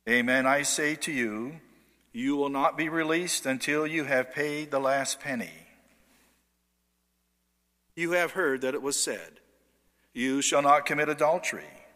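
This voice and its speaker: A man's voice: medium pitch, a little slow, long pauses, sharp tone. A man giving a solemn, formal Gospel reading as clergy at a church service, with cathedral echo around his voice. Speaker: priest or deacon reading the Gospel. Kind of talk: liturgical scripture reading. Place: large church during a service. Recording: echoing church hall, long cathedral-like reverb.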